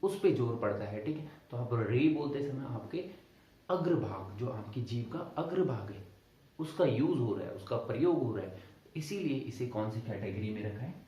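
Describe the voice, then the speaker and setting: A man's voice: expressive, moderate pace, warm tone. A man teaching a Hindi grammar lesson at a board, explaining step by step, asking the class questions and answering them himself, and stretching out vowel sounds to demonstrate them. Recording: boomy room echo, distant and dull.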